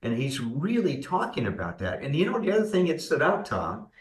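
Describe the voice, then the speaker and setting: A man co-hosting a podcast, calmly reflecting and explaining ideas. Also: medium pitch, fairly quick. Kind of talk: casual podcast discussion. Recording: roomy echoing room sound.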